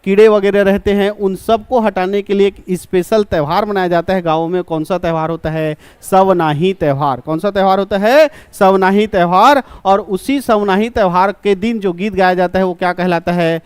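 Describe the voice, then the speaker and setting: Guy teaching a coaching class, high clear voice, asks then answers himself, dry close sound. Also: no room sound. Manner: asks questions and answers them himself, repeating key terms slowly. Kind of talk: exam-prep lecture.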